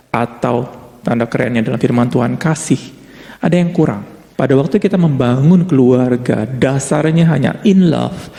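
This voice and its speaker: A man's voice: mid-range voice, vocal fry, warm tone. A man preaching a sermon as pastor, with dramatic rises and drops, sometimes acting out quoted voices. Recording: long hall reverb.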